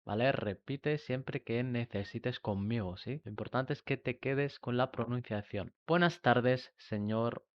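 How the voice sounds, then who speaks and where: A man from teaching a beginner Spanish lesson, slowly modelling pronunciation and often checking that learners follow. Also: medium pitch, dry recording, muffled recording. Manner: slow, emphatic modelling of pronunciation with frequent checks.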